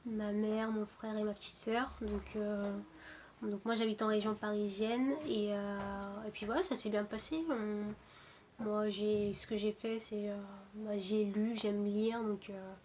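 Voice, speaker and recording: Young woman from portugal, footballer, talks kinda flat with lots of uh and restarts, bit of hiss behind. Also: mid-range voice, measured pace. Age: 20s. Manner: hesitant, many fillers and restarts. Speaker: footballer interviewed. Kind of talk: casual self-introduction to camera.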